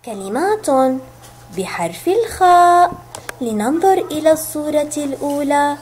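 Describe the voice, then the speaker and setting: A woman teacher giving a recorded reading lesson to young children, sounding out syllables slowly and stretching each word. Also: sits high, expressive, darkish tone. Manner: slow, drawn-out syllables, sounding words out. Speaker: kindergarten teacher.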